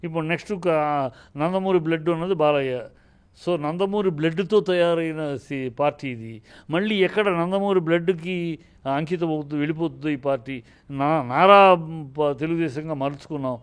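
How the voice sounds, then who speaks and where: A man speaks in a heated interview, fired up and indignant, cutting himself off and restarting mid-word. His voice is clear and smooth, sitting a little high. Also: moderate pace. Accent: Telugu. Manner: combative, indignant, many broken-off restarts. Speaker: film producer, interviewee.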